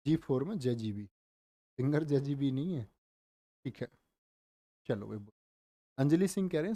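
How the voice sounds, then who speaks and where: A man teaching a live online general knowledge class, speaking slowly and deliberately, repeating facts and quizzing his viewers, with joking asides. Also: fairly high pitch, dark tone, dry recording, clean studio sound. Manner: calls viewers "dear children", joking asides. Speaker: online exam-prep teacher.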